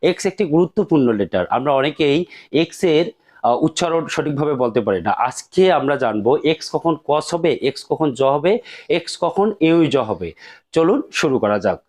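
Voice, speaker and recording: A man's voice: on the high side, animated, a little fast, darkish tone. A man teaching English pronunciation rules, speaking carefully and repeating each example word. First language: Bengali.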